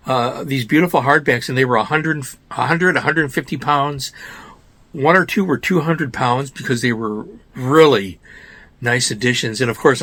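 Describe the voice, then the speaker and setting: An American man hosts an informal book show in a medium-pitched, raspy voice. He sounds a little hoarse with a cold and makes his points emphatically, posing questions and answering them himself. The sound is dry, with no room around it. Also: a bit bright, dry recording. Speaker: host of a book review show.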